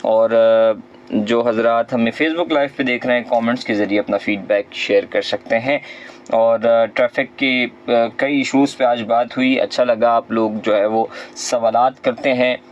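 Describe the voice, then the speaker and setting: A man hosts a call-in radio show about traffic, taking calls and passing them to his guest. He talks at a measured pace and fills gaps with drawn-out "uh" sounds. The audio is a little dull and muffled. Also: mid-range voice, fairly even intonation. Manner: measured, with frequent "uh" hesitations.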